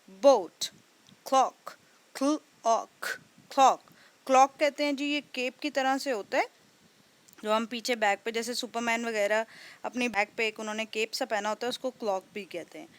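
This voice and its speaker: Young woman teacher, fairly high voice, patient phonics lesson that sounds words out.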